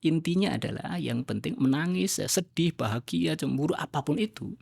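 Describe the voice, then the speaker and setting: A man, an Islamic teacher, speaking as a guest on a podcast and explaining his views in an animated way. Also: a little high, normal speed, gravelly, breathy edge, no room sound. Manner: animated, acts out quoted dialogue in a raised voice. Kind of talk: podcast conversation.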